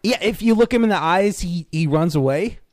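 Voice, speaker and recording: A man's voice: high-pitched, lively intonation, a little fast, clean studio sound. A man hosting a casual chat, laughing often and echoing guests' words back as questions. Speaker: host.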